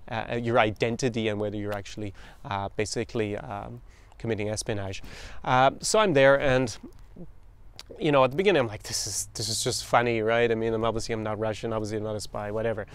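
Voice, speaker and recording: Speaking fast in a fairly low, clear, resonant voice, a man from Ireland in his thirties hosts a podcast and recounts something that happened on his travels. He's chatty and anecdotal, laughing softly and putting on voices for the people he quotes.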